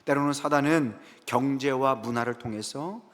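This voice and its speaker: A man's voice: mid-range voice, normal speed. A man preaching a sermon as senior pastor. He keeps asking the congregation rhetorical questions and answers himself with "yes". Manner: rhetorical questions, frequent "예" affirmations, lively asides to the congregation. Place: church sanctuary, Friday prayer service. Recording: echoey church hall.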